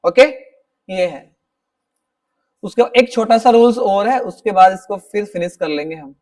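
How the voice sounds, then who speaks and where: Guy teaching spelling to kids, high voice, patient, keeps checking they follow, sounds a bit far from the mic. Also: lively intonation, a little mellow. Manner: explains slowly, often checks understanding with tag questions. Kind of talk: classroom-style spelling lesson.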